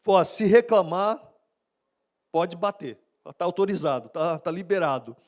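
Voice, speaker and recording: A brusque, scornful pharaoh barks harsh orders about his workers, as a Brazilian pastor puts him on in his sermon. The voice sits a little high for a man, and the delivery is blunt and dismissive, with a Brazilian accent. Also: lively intonation, a little slow, darkish tone. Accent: Brazilian Portuguese.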